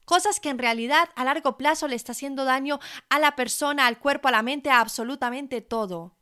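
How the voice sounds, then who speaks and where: A young woman hosting her own podcast, talking in a chatty, animated way and laughing between thoughts. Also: high-pitched, a little fast, clean tone. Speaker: podcast host. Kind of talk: casual solo podcast talk.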